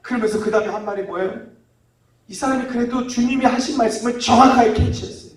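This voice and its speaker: A male pastor preaching in a relaxed, conversational way, often asking the congregation to repeat after him. His fairly high voice rings through a large, echoey sanctuary, picked up from a distance. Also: fast. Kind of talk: sermon. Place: church sanctuary. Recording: echoey church hall from far off.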